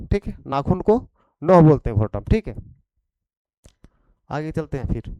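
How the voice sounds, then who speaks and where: A man's voice: on the high side, warm tone, clean tone, no room sound, poor audio. A man with a Khortha accent teaching an exam prep vocabulary lesson, repeating each point and checking in after it.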